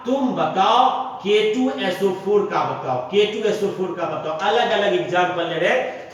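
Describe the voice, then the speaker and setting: High-pitched male teacher in echoey hall. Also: a bit bright, slight background noise. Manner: repetitive, asks and answers his own questions. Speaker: chemistry teacher. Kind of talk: classroom lecture to students. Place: classroom. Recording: echoey hall, mic far off, faint ambience.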